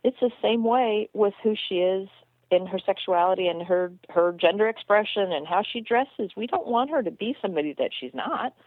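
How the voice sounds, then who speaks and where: On a dry, tinny phone line, a woman co-hosting a radio show talks earnestly about basketball as a commentator, restarting often and repeating words. Her voice is mid-range and her pace moderate, in the manner of casual radio chat.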